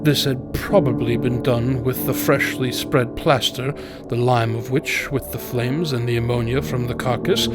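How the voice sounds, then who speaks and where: A man playing a tormented narrator confessing dark deeds in a theatrical, formal, deliberate reading of a gothic horror story. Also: mid-range voice, natural voice. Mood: haunted. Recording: music behind the voice.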